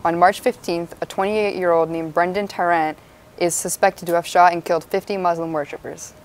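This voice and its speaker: A young woman with a slightly low voice anchors a student mock newscast. She reads from a script in news-anchor style. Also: fairly even intonation, a little fast, rough recording.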